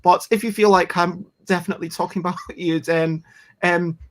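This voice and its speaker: A chatty host of a board game show, speaking at an ordinary middle pitch. They ramble casually, restart their sentences, and poke gentle fun at themselves as they go. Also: fairly even intonation, moderate pace. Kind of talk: casual chat.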